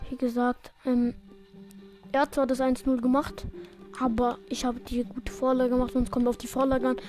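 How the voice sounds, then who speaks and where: A woman giving excitable, self-mocking play-by-play commentary while she plays a video game. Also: sits high, normal speed, faint music behind. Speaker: gaming video creator. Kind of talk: live gameplay commentary.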